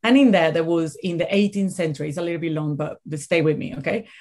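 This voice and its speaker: A woman with a Venezuelan accent speaks as a guest in a conversational interview. Her voice sits a little low. She tells stories emphatically and often doubles back on her words for stress. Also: fairly even intonation, fast talker, darkish tone. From Caracas, Venezuela. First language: Spanish. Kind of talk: conversational storytelling.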